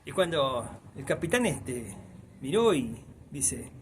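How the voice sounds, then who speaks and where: A man's voice: medium pitch, sing-song, slow pace, slight background noise. Argentine man telling a folk tale. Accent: Argentine Spanish. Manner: rambling, repeats "dice" often. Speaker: storyteller. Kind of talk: oral folk storytelling.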